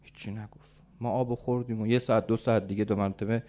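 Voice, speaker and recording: A man preaching a sermon as a dramatic story, swinging from soft, hushed lines to loud calls. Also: on the low side, steady tone.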